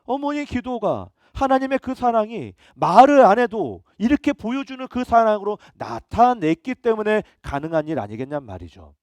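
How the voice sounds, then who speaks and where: A man's voice: high voice, big pitch swings, moderate pace, hardly any pauses, darkish tone, no echo. A middle-aged male pastor preaching a sermon, emphatic, often asking his listeners rhetorical questions.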